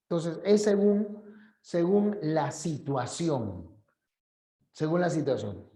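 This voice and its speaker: Slow, chatty male teacher. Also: fairly high pitch, mellow, echoey room. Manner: conversational, asks students for agreement, acts out examples. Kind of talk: classroom lecture for admission exam prep.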